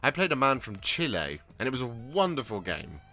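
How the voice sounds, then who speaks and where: A man's voice: mid-range voice, very animated, a little fast, bright, forceful tone, soft background music. A man chatting casually on his hobby vlog, rambling with lots of restarts and fillers. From England. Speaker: hobby vlogger. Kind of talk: casual chat while painting miniatures.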